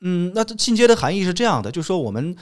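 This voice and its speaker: A man's voice: sits high, sing-song, fast. Patient man explaining pronunciation methods. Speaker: English pronunciation teacher, podcast guest. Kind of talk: interview, explaining at length.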